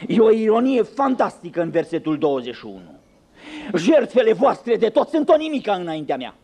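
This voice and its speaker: A man's voice: high-pitched, sing-song, warm tone. A man preaching a sermon, dramatic and ironic, acting out the voices he quotes with big swings and speaking in asides to the congregation.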